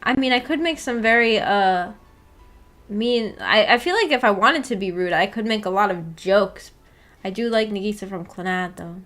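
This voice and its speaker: Faint music sits behind a woman streamer whose medium-pitched voice is expressive and a bit bright at a moderate pace. Casually chatting on her livestream, she reads and answers viewers' messages with giggles, playful teasing, and slang.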